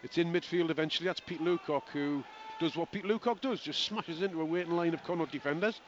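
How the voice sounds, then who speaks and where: A man giving live play-by-play radio commentary on a rugby match, with rapid running calls and chatty asides to his co-commentator. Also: fairly high pitch. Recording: lo-fi broadcast with outdoor crowd noise.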